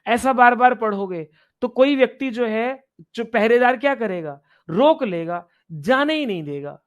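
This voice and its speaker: High-voiced male Sanskrit teacher explaining. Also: expressive, a little slow, lo-fi sound. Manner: explains Sanskrit text line by line in Hindi, asks students questions. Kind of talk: online exam-prep lecture.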